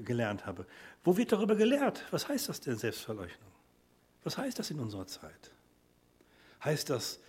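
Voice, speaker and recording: A man's voice: mid-range voice, husky. A middle-aged man preaching a sermon, turning emphatic and then letting his phrases fall away to a near whisper. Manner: lively, emphatic delivery that drops to soft, near-whispered phrase endings.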